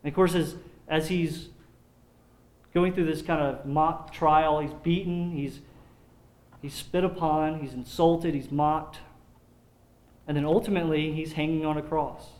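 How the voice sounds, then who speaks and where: A man preaching a sermon in an earnest, measured way, sometimes repeating words as he restarts a phrase. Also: on the high side, steady tone, darkish tone. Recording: echoey room.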